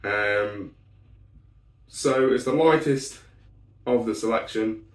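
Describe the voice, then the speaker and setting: This casual solo beer review comes from a man whose fairly low voice moves slowly and has not fully bounced back after being sick. He wanders from thought to thought, restarting often and saying "um" a lot. The recording is roomy and taken from a distance.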